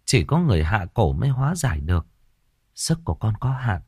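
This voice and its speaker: A man voicing a tired young village healer woman who speaks calmly and haltingly. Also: lowish voice, breathy edge, dry recording, clean studio sound, exaggerated voice. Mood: weary. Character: young female village healer, weary and calm.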